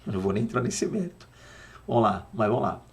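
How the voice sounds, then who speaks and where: A man with a Brazilian accent teaching a Sunday school Bible lesson, animated and full of rhetorical questions, slowing down to spell out words. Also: lowish voice. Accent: Brazilian Portuguese. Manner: dramatizes quotes, slowing down to spell out Hebrew words.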